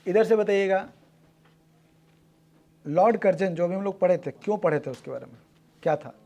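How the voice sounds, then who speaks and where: A male teacher running a brisk classroom quiz, calling on students and repeating their answers back. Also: sits high, mellow.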